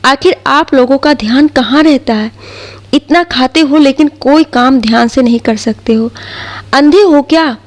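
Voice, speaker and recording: A woman's voice: high voice, a little slow. A woman voicing a bullying young sister-in-law who scolds harshly. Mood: scolding.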